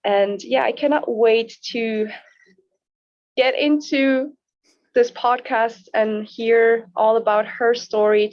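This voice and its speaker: Gushing woman podcast host, dull sound. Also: on the high side. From Switzerland. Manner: warm, gushing, many "like" and "yeah" fillers. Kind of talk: casual interview chat. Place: in a yurt.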